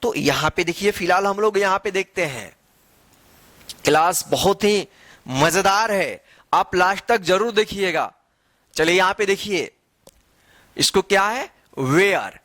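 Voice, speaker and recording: In a dry, echo-free recording, a man with a high, lively, fairly bright voice leads an English reading lesson at an unhurried pace with long pauses. He spells words out letter by letter, asks the class how each one is read, and then answers himself by reading it several times.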